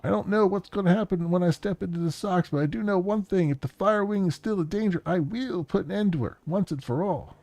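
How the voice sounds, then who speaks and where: A man voicing a jittery, excited man on an old video message, talking breathlessly and urgently. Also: sits high, a little fast, few pauses, no echo, voice pushed up. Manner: breathless, urgent, words tumbling out.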